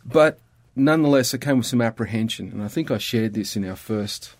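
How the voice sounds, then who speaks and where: A middle-aged Australian man with an Australian accent appears as a podcast guest; he works in ministry. In casual conversation he talks earnestly and reflectively, at medium pitch and a little fast. The studio recording is clean, with no echo.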